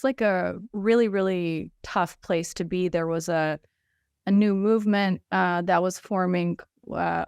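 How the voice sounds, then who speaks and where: A woman's voice: on the low side, creaky, clean tone, no echo, studio quality. A woman in her thirties, raised between the United States and Russia, introducing herself on a webinar panel in a chatty way, with many fillers and restarts. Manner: conversational, frequent fillers and restarts. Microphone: video call.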